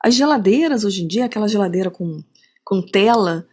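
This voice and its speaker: A woman's voice: medium pitch, moderate pace. A middle-aged woman with a Carioca accent, a podcast guest chatting casually and acting out the voices of people in her stories. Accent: Carioca Brazilian Portuguese. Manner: lively storyteller, acts out quoted dialogue, frequent tag questions. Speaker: podcast guest, digital marketing strategist. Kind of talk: casual conversational interview.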